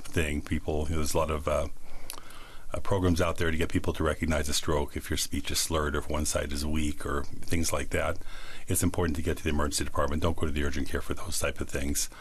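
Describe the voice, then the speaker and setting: A man with an extremely low-pitched voice speaks at a quick clip. He sounds like a doctor in an interview, explaining things casually and plainly in conversational answers. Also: little pitch movement, husky. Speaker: emergency physician being interviewed.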